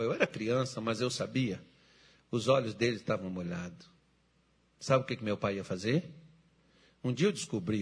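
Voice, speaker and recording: Pastor guy preaching, husky and bright, goes quiet then shouts. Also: medium pitch. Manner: emotional preaching, swings between hushed storytelling and shouted exhortation. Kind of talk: sermon.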